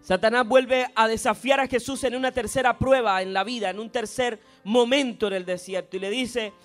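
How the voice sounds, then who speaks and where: A man preaching a sermon, telling stories dramatically and building to loud, impassioned preaching. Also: extremely high pitch, steady tone, moderate pace, soft background music. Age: adult, past university. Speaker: pastor.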